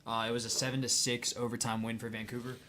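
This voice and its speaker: Relaxed young man co-hosting a podcast. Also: medium pitch, fast, slight background noise. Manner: relaxed, rambling with fillers. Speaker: podcast co-host. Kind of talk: casual sports chat.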